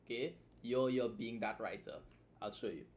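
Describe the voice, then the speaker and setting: A man's voice: mid-range voice, normal speed, darkish tone. A man live-streaming a critique of someone's story, talking bluntly with lots of swearing, rambling and restarting his sentences.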